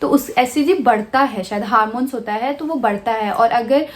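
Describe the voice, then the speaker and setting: A woman vlogger telling a personal story in a soft, hesitant way, pausing often with fillers and restarts. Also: a little high. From India.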